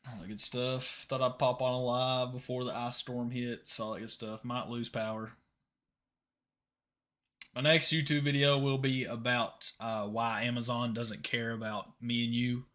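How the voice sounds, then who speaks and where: A man's voice: medium pitch, little pitch movement, measured pace, a bit bright. A man in his mid twenties hosting a casual live stream, chatting easily and tossing questions to viewers. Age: 20s. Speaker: livestream host.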